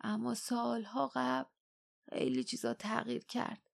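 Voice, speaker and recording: A woman voicing an old, grave and weary giant creature elder in an audiobook, speaking low and hushed. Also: sing-song, vocal fry, heavily acted. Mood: somber. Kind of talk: audiobook character voice.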